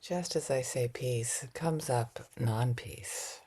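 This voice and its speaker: A woman teaching a loving-kindness meditation in a soft, often half-whispered, gentle and reflective way, with light laughs at herself. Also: very deep voice, takes it slowly, breathy edge.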